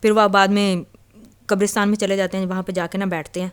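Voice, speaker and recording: A woman's voice: medium pitch, flat delivery, clear, resonant tone. A woman casually retelling a novel as a storyteller, chatty and loose, with frequent fillers and restarts.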